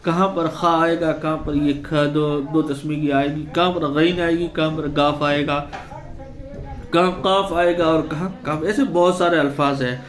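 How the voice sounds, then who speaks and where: A male teacher, giving an exam-prep lesson. He asks the class questions, answers them himself, and reads out lists of words slowly. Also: a little high, steady tone. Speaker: Urdu teacher. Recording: echoey room.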